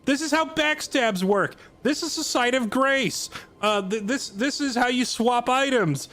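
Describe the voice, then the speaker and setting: A man's voice: very high voice, unhurried, fairly bright tone, voice pushed up. A man putting on the voice of a brusque male game tutorial guide who rattles off instructions dismissively.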